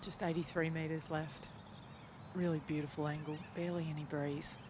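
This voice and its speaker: A man's voice: a little high, flat delivery, normal speed. A man giving shot-by-shot golf commentary from out on the course. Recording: loud outdoor background noise.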